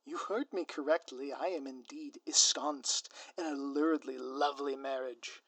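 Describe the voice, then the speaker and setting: In a scripted audio roleplay monologue, a man plays a grandiose, theatrical supervillain who is both lovesick and scheming, delivering lines in a florid, pompous, melodramatic, taunting way. His medium-pitched voice is steady, a bit bright, at normal speed, with no echo.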